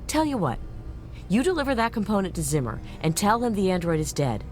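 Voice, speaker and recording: An actress voices a guarded, earnest woman from a secret resistance in a video game. She speaks deliberately at a middle pitch. A faint rumble sits behind her. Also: very animated, a little mellow, natural voice. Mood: earnest, conspiratorial.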